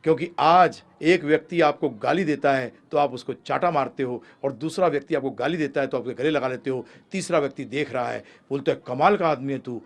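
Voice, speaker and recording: A man giving a devotional lecture on scripture, emphatic, with rhetorical questions and repeated phrases, often jumping up in pitch and loudness to stress a point. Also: a little fast, gravelly, hardly any pauses. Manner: uses rhetorical questions and repetition. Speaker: spiritual lecturer.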